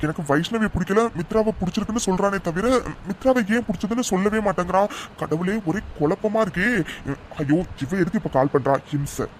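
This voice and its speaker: A man's voice: high voice, brisk, slight background noise, natural voice. A man voicing a curt, mocking young man who brushes off a caller in a cartoon love story. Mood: irritated. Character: rude, dismissive young man. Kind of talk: cartoon voice acting.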